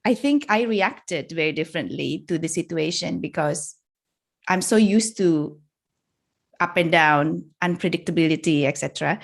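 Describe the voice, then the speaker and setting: She is a middle-aged woman from Indonesia talking as an interview guest. Her voice sits a little low, and she speaks thoughtfully, breaking into light laughter and restarting phrases as she goes. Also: vocal fry. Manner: reflective, laughs often, restarts sentences. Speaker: podcast guest. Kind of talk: casual interview conversation.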